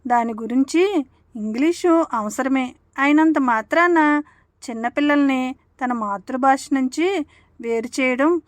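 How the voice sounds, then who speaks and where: Slow, high-voiced woman telling a story. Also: no room sound. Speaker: storyteller, aunt to a child. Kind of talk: children's story narration.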